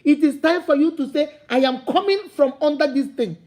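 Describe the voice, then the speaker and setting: A Nigerian-accented woman delivers an impassioned motivational talk, her high voice carrying a darkish tone at normal speed. Preachy and repetitive, she circles back to her points and builds toward emphatic calls.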